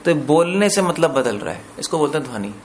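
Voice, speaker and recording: With a fairly high voice and big swings in pitch, a man teaches scripture to a gathering, stopping to quiz his listeners. He slips English terms into his explanations, and a faint hiss sits under the recording.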